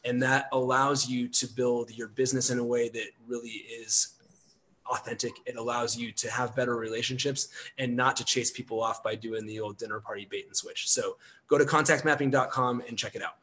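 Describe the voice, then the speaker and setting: Earnest man with a mid-pitched voice. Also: steady tone, fairly quick, pushed and bright, rough recording. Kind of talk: earnest promotional radio talk.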